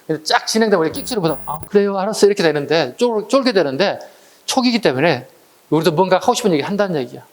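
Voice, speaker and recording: Middle-aged male cram-school lecturer, higher-pitched, blunt and animated, quizzes the class constantly. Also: fast. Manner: lively and blunt, firing rhetorical questions at students; acts out quarrels in slangy voices. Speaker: history lecturer. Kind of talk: online exam-prep lecture.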